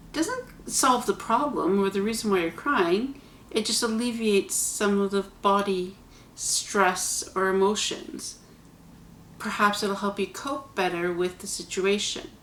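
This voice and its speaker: A woman's voice: medium pitch, fairly bright tone, reverberant, a little hiss or hum. A woman hosting her own vlog, talking casually and earnestly to her viewers with chatty asides. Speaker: vlog host. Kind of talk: casual spoken reflection to camera.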